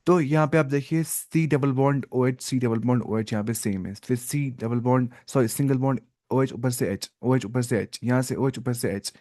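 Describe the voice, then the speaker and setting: A man's voice: mid-range voice, steady tone, a little mellow. Male teacher quizzing and answering himself. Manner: asks the class questions and answers them himself, repeats "ठीक है"; slow, stop-start explaining with fillers. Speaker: biology teacher. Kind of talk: online lecture in Hindi-English mix.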